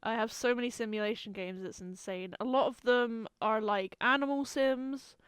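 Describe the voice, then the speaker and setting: Woman, casual podcast chat, giggles a lot, restarts sentences, crisp voice, no room sound. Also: a little high, steady tone, normal speed, no echo, clean studio sound. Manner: giggly, rambling, trails off and restarts. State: hiccuping and burping. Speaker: podcast co-host.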